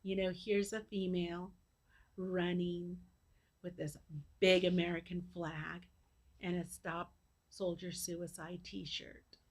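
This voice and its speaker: A woman giving an earnest personal video message to supporters, speaking haltingly in short phrases as a charity fundraiser. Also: on the low side, level tone. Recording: clear background noise.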